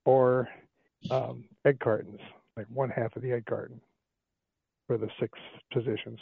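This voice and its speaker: A man's voice: medium pitch, little pitch movement, measured pace, gravelly, breathy edge, no echo. A man calling in to a discussion, talking in a rambling way with frequent restarts. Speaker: caller. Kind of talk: casual phone-in talk. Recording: tinny phone line.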